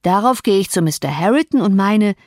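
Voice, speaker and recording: A gossipy middle-aged housemaid from a storybook reading, put on by a woman narrator, pitched well above her usual speaking voice. She chatters on eagerly about rumours. Dry, close recording with no room sound. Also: animated, a little fast, a little mellow, no echo, close to an everyday voice.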